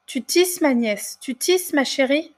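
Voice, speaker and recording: A woman doing a wicked old witch whose voice jumps high above a storyteller's and calls in a wheedling sing-song. She is impatient and cruel, a fairy-tale ogress. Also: lively intonation, a little slow.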